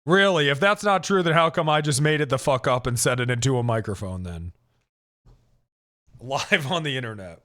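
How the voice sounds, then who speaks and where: A man's voice: mid-range voice, expressive, normal speed, fairly bright tone. A man in his thirties hosting a casual podcast chat, joking and swearing, often restarting his sentences. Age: 30s. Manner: joking, profane, rambling with restarts. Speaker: podcast host.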